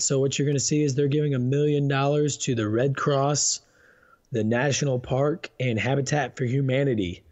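A man's voice: medium pitch, warm tone, highs cut off. A man co-hosting a casual podcast, telling stories and acting out quotes. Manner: storytelling, acts out quotes. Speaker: podcast co-host. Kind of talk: casual chat.

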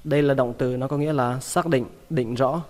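A man teaching English vocabulary, repeating each word slowly and patiently. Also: medium pitch, fairly even intonation, darkish tone, long reverb tail. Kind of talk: vocabulary lesson.

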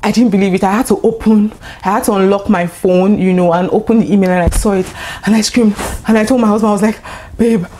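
A young woman talking casually to camera in a vlog, chatty and excitable, with lots of fillers and bursts of laughter. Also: medium pitch, fast, a little hiss or hum. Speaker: YouTuber.

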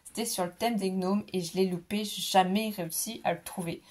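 A woman's voice: mid-range voice, fairly even intonation, a little fast, a little mellow. A woman vlogger showing off a scrapbooking haul in a casual, gushing way, her voice a bit worn. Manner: gushing, enthusiastic, repeats "trop mignon". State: voice going, clearing throat. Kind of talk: casual product haul show-and-tell.

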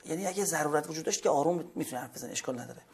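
Male teacher with a high-pitched voice, drills vocabulary, slow on English words. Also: slightly rough. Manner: reads English slowly, explains in Persian. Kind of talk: classroom vocabulary lesson.

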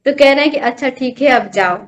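High-voiced young woman telling a devotional story. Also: fairly quick, dull audio. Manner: earnest, storytelling, addresses host as bhaiya. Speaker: guest devotee telling her experience. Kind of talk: personal testimony in conversation.

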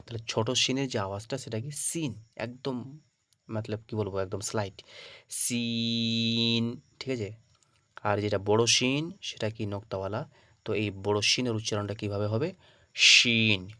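A man with a lowish voice teaches Arabic letter pronunciation for reading the Quran, and the recording is dry. Each letter is called out loud and stretched, followed by a soft explanation and a check-in with his listeners after every point.

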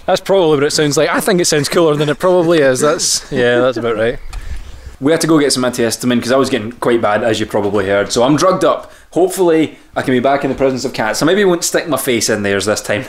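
A young man chatting playfully in a vlog, his voice husky and a bit wheezy from allergies. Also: mid-range voice, quick pace. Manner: playful, teasing, lively. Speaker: vlogger. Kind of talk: casual vlog chat.

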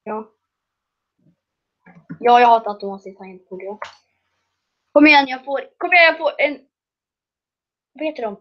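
A woman doing casual gaming commentary, excitable and prone to loud shrieking laughter. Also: a little high, pauses often, lo-fi sound. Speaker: gaming video creator.

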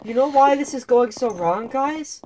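Goofy lively gaming host man. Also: very high voice, moderate pace, very noisy. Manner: goofy, exclamatory, jokey. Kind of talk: casual gameplay banter with friends.

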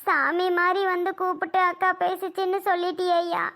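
A woman's voice: very high voice, flat delivery, brisk, creaky, pushed and bright, heavily acted. A woman playing a worried older village mother in a family skit, talking in an emotional, pleading way. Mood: pleading, tearful. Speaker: mother-in-law.

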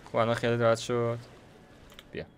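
A man's voice: mid-range voice, monotone, a little hiss or hum. A young man giving casual, slangy gameplay commentary, chatting to himself as he builds. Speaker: gaming YouTuber.

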